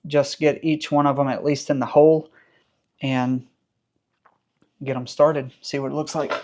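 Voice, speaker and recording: A man in his thirties with a Southern accent chats casually and pokes fun at himself while working on a truck in his home garage. His voice is medium-pitched and a little mellow, with little pitch movement and a slightly slow pace. He's a car restoration vlogger.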